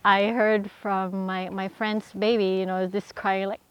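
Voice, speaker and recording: A woman's voice: medium pitch, flat delivery, a little slow, clear, resonant tone, muffled recording. Chatty woman telling a story on a podcast, lots of you know and like, outside. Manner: chatty, laughs often, says "you know" and "like". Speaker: podcast co-host. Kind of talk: casual chat. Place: outdoors.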